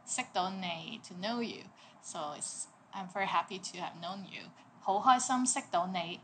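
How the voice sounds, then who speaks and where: A young woman hosting a language lesson, saying phrases slowly and clearly and repeating them with upbeat, casual asides. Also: fairly low pitch, a bit bright, slight background noise. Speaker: language teacher and host. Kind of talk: bilingual vocabulary lesson.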